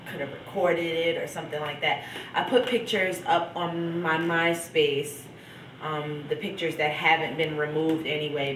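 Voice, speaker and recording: A woman's voice: deep voice, distant mic, background noise. A young woman chatting casually in a home video diary, stuffed up with a cold and laughing between thoughts. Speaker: vlogger. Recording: echoey room, from off the mic.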